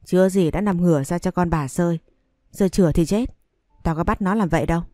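Shrewish middle-aged mother in an audio story, spitting insults, read by a woman in a low, mellow voice; dry close sound. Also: a little fast, no room sound, lightly acted. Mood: scolding. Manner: shrill scolding insults. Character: sharp-tongued abusive middle-aged mother.

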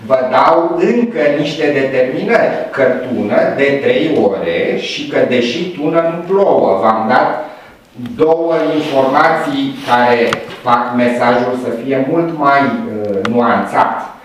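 A man's voice: mid-range voice, slight background noise. Man lecturing in an echoey classroom. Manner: lively, playful explanations with sound effects. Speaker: university lecturer. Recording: echoey room from far off.

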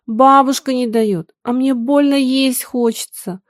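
A woman's voice: high voice, steady tone, measured pace, no room sound, clean studio sound, pitched above the performer's own voice. A woman voicing a poor, grieving peasant mother who speaks in plaintive, sighing folk speech.

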